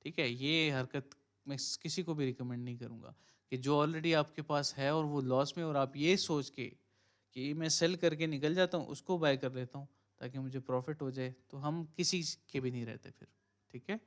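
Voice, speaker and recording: A man's voice: fairly high pitch, moderate pace. A man hosting a live stream, talking casually through trading charts and thinking aloud, often mixing in English phrases. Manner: casual, thinks aloud, many fillers and "ठीक है"; mixes Hindi-Urdu with English phrases. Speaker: crypto trading mentor.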